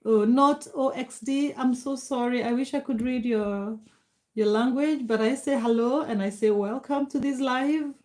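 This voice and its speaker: A middle-aged Kenyan woman, a native Kikuyu speaker with a Kenyan accent, hosts a livestream and chats casually, reading comments, greeting viewers by name, and thanking them. Her voice sits high with a darkish tone, and she speaks a little slowly.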